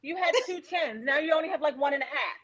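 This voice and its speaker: A woman's voice: high voice, expressive, fast talker, fairly bright tone. A woman co-host teasing her colleague in a casual chat.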